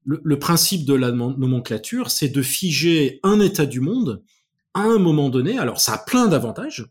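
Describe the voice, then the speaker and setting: A man's voice: a little high, very animated, moderate pace, breathy edge. A man speaking as an expert guest in an interview, explaining ideas thoughtfully with frequent restarts and repeated words.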